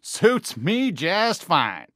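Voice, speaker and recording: Friendly toy cowboy sheriff for a game: American, folksy drawl, unhurried, swooping lively pitch, good-natured. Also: male voice, no echo, clean studio sound, exaggerated voice. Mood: warm, cheerful. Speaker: video game character greeting players. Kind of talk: animated game voice lines.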